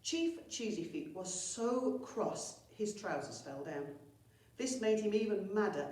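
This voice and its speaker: A woman with a low, darkish voice reads a children's story expressively, working as a storyteller at a primary school. She's far from the mic in a very echoey room.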